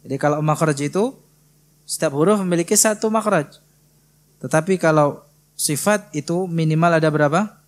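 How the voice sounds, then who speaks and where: A man from Indonesia teaching Quran recitation in a prayer hall, patiently drilling and gently correcting students. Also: on the high side. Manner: slow, patient, drills students by repeating syllables. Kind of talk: tajwid lesson with live correction.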